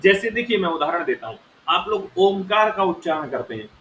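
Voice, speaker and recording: A fairly high, bright male voice patiently walks through a grammar lesson, sounding out each vowel so the listener can hear it. The room rings with a noticeable echo. A faint hiss sits under the voice. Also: animated, a little fast. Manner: patient, explains step by step and demonstrates sounds aloud. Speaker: Sanskrit teacher. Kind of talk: explaining Sanskrit grammar lesson. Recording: echoey room with faint noise.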